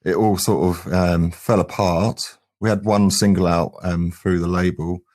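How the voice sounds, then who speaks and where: Deep and a little mellow, with fairly even intonation, the man speaks unhurriedly. He is an English musician in his forties, a band frontman on an interview, reminiscing casually in a hesitant, rambling fashion.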